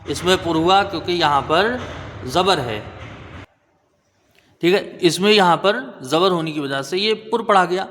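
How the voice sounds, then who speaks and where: A man teaching Quranic recitation, spelling out letters and then slowly chanting each word, often checking with "right?". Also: high-pitched, fairly bright tone, in a large hall. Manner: patient, drawn-out chanting of each word, frequent "theek hai?" checks.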